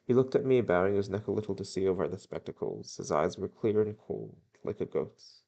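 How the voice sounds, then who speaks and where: A man's voice: deep voice, fairly quick, gravelly, dark tone. A young man reading a novel aloud in a plain way, with occasional stumbles and self-corrections. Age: young adult. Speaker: reader.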